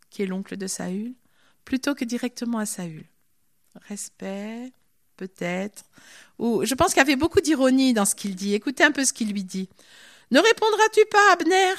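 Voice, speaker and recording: A woman giving an informal Bible teaching, reading scripture aloud and commenting on it in a chatty, lively way. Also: on the high side, moderate pace. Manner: reads scripture then comments chattily, voices the characters' lines.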